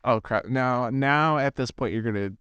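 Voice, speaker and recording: A man's voice: mid-range voice, moderate pace, fairly bright tone, clear, resonant tone, no room sound, highs cut off. A teenage boy hosting a gaming channel, telling a rambling, self-deprecating story in casual chat with lots of restarts. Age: teens.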